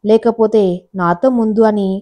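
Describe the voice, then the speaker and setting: A woman's voice: medium pitch, fairly even intonation, normal speed, highs cut off, natural voice. Woman voicing a coy teasing young woman.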